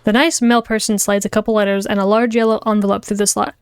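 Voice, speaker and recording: A woman's voice: mid-range voice, little pitch movement, quick pace, clean tone, no echo, faint music behind. A woman streamer reading a visual novel aloud, with playful, chatty narration.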